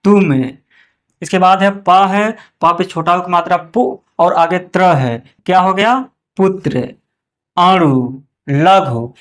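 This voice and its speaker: A man teaching young pupils how to read vowel signs. He asks questions and answers them himself, and draws out each example word slowly. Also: sits high. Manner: slow and drawn out on example words, repeating each twice. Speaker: Hindi teacher.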